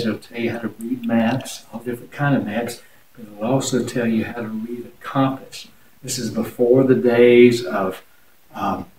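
Folksy pastor, echoey and distant. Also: male voice, medium pitch, darkish tone. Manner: folksy, chatty, jokes with guest. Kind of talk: casual interview. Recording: echoey, from far off, faint noise.

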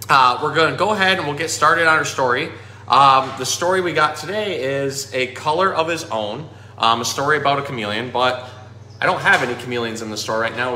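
A zookeeper and pet store presenter with a bright, medium-pitched voice gives a casual educational talk about animals plus a picture-book storytime, conversational and explanatory. He's in a small indoor room with a painted aquarium backdrop, recorded on a phone at arm's length; the room echoes and there's faint background noise.

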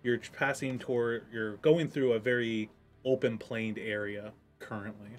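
A man narrates a tabletop game as its game master. He speaks in a relaxed, unhurried way, filling pauses with ums. His voice sits at an everyday middle pitch over faint background music.

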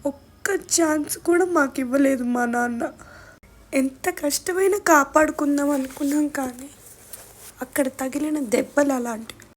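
A woman's voice: high voice, moderate pace. A young woman vlogger telling a personal family story with emotion, acting out what her relatives said. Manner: emotional retelling, acts out family members' words.

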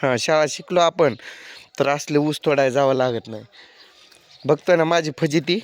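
A man talks in a nagging, exasperated way, scolding his family through a comic skit of village life. His voice sits a little higher than most men's. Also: normal speed. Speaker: comic vlogger.

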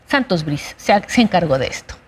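A woman's voice: fairly low pitch, very animated, normal speed. Mexican woman anchoring news, noisy background. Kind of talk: scripted news presentation. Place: television studio.

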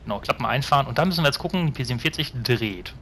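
Bright-voiced chatty game commentator, a man. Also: mid-range voice, animated, very fast, a little hiss or hum. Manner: chatty, rambling, swears casually, asides to viewers. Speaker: gameplay commentator. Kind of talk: casual gameplay commentary.

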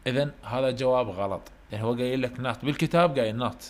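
An Iraqi man who teaches English at a university gives an online lecture in a mid-pitched voice with an Iraqi Arabic accent. He explains in Arabic and reads the English questions slowly and carefully. He quizzes his students, then answers the questions himself.

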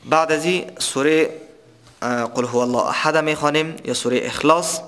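A man's voice: fairly high pitch, fairly even intonation, a bit bright. Man teaching Quran recitation rules. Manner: explains rules, then asks the class and answers himself; slows down to chant verses as examples. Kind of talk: tajweed lesson.

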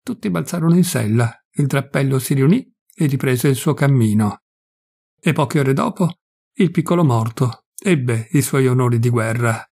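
A man reading a classic novel aloud in a measured, deliberate and solemn way. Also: medium pitch, a little mellow. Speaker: audiobook reader. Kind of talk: scripted narration of a classic novel.

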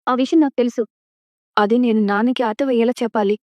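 An actress playing a stubborn young woman who stands up to her family, with sharp, defiant retorts in a TV serial. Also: a little high, steady tone, fast talker, dry recording, natural voice. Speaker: daughter defying her family. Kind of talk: TV serial acting. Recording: dull lo-fi dry sound.

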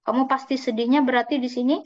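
A woman's voice: high voice, fairly even intonation, a little mellow, dry recording. A woman teaching a Korean class online, patiently drawing out example words. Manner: patient, drawn-out model pronunciations. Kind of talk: online class explaining grammar. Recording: dry, slightly dull online call audio.

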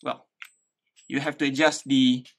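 Working on a build in a small indoor living room, this DIY host, a man in his thirties, explains things casually, thinking out loud and repeating himself. He has a gravelly, mid-range voice with a level tone and measured pace, plus slight background noise.

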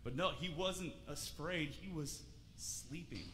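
A man in his thirties speaks slowly in a fairly bright voice on the high side, giving a children's sermon in a church sanctuary. Friendly and inquisitive, he asks questions and keeps restarting his thoughts. The recording has church hall reverb and a bit of faint room noise.

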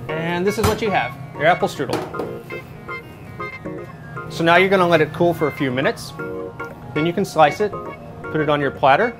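Chef in his thirties, slightly high voice, walks through a recipe step by step, lapel mic in a large kitchen. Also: moderate pace, pauses often, over music. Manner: steady step-by-step instruction. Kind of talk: cooking demonstration. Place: large professional kitchen, indoors.

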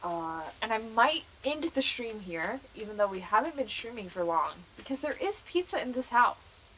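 Bright, animated woman streaming a game. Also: on the high side, normal speed, a little hiss or hum, rough recording. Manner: chatty, talks to herself while playing; self-mocking, playful asides. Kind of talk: casual gameplay commentary.

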